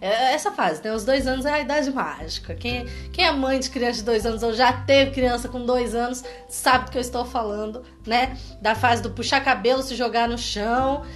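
Speaking at a moderate pace with few pauses, this parenting educator has a voice on the high side and a Brazilian Portuguese accent. Her lesson is casual and playful, and she frequently ends lines with tag questions, while faint music sits behind her.

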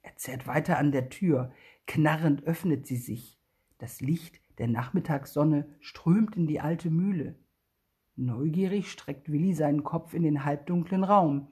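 Eine Frau liest lebhaft und ausdrucksvoll eine Kindergeschichte vor. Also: female voice, low voice, measured pace, breathy edge. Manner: lively, expressive storytelling. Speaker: storyteller. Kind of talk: reading a children's story aloud.

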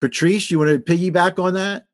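A man's voice: sits high, steady tone, brisk. A man hosting an interview podcast, affirming his guests and inviting them to say more. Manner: encouraging, affirming, keeps the guests talking. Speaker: podcast host. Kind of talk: conversational interview.

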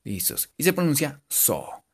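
A man giving a casual, joking English lesson and repeating English words slowly for his students. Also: fairly high pitch, huge pitch swings. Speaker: English teacher. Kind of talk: casual bilingual language lesson.

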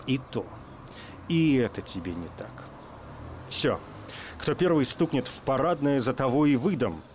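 A man voicing a crafty, fed-up old tsar in a fairy tale, gruff and exasperated. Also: mid-range voice, animated, measured pace, darkish tone, slight background noise, lightly acted.

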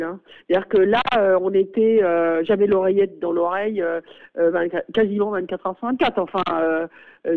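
A middle-aged woman, a school principal, talking in a radio interview, hesitant with many fillers and exclamations. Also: medium pitch. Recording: phone-like radio sound.

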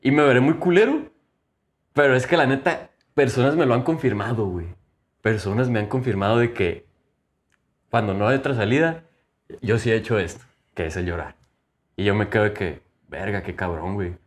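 A young man with a Mexican Spanish accent chatting casually, slangy and swearing, his pitch jumping up and down. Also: normal speed. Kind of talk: casual chat.

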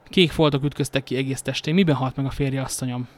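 A man's voice: medium pitch, steady tone, close to an everyday voice. A man reading the part of a vengeful male English lord who demands justice, indignant and formal.

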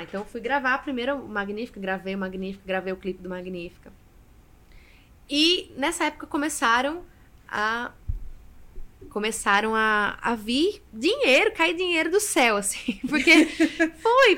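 Expressive woman telling her story. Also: high voice. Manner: expressive storyteller, often adds "né". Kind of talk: casual podcast interview storytelling.

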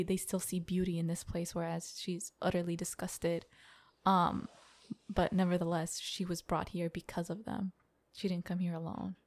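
A woman co-hosting a casual book discussion podcast, working through her ideas slowly and reflectively. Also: fairly low pitch, darkish tone. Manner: reflective, builds questions slowly. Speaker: podcast co-host.

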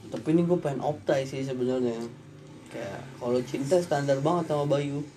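A man's voice: medium pitch, normal speed, warm tone. A young man hosting a casual podcast chat and putting questions to friends. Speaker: podcast host. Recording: clearly noisy room with clicks.

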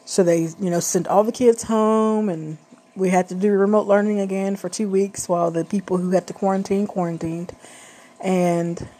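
A woman in her thirties tells a family story the way a stay-at-home mom talks to her followers, chatty and rambling, full of fillers and restarts. Her voice is husky and mellow, and it sits a little low. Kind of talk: casual personal storytelling.

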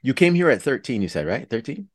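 Man, interview host, relaxed, affirming, middle pitch, asks follow-ups. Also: quick pace. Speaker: podcast host. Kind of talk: interview hosting.

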